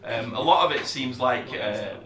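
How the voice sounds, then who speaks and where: A man narrating as dungeon master, relaxed and hesitant with many fillers. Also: mid-range voice, moderate pace, roomy sound. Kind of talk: narrating a tabletop game.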